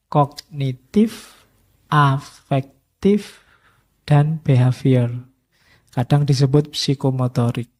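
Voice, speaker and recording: A man's voice: a little high, darkish tone. A middle-aged man giving a conversational, playful philosophy lecture in a mosque. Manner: conversational, playful, acts out quoted voices.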